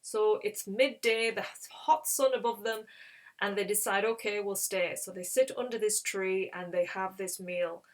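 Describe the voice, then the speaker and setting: A woman narrates a Bible story in a relaxed, conversational retelling. She talks it through in her own words, peppered with casual fillers, at a mid pitch. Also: a little slow. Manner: chatty, many fillers like you know.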